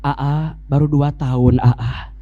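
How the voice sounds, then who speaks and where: Male preacher doing a shy middle-aged woman churchgoer, sheepish and mellow. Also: mid-range voice, level tone, slow, creaky, muffled recording, pitched below the performer's own voice.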